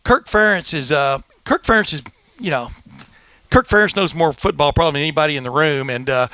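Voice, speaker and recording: A man's voice: on the high side, brisk, bright, forceful tone, clear, resonant tone, dry recording. Rambling older male podcast storyteller. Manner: rambling anecdotes with many fillers, acts out quoted voices. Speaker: podcast host, veteran sportswriter. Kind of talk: casual storytelling chat.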